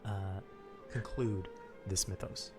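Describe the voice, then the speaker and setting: A man presenting a game livestream, talking fast and loosely with a chuckle. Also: lowish voice, over music.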